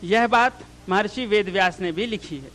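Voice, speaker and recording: High-voiced man giving a public talk. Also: normal speed, a bit bright, slight background noise, low-quality recording. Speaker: speaker answering audience questions.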